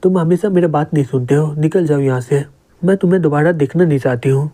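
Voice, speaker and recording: A scheming young woman who sweet-talks and then snaps, as a man voices her. The voice stays a little high and soft in tone. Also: fast, lightly acted. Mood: pleading.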